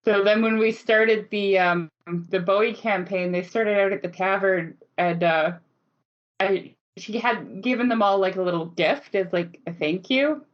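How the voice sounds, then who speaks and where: Woman, podcast co-host, casual chat, laughs a lot, mid pitch, dull lo-fi audio. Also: measured pace. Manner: laughs often, animated storytelling. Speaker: podcast co-host and game master.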